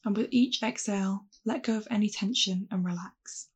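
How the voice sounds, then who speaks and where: A woman leads a calm grounding exercise as a guided mindfulness meditation, giving gentle, reassuring instructions in a husky, creaky voice. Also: mid-range voice, normal speed.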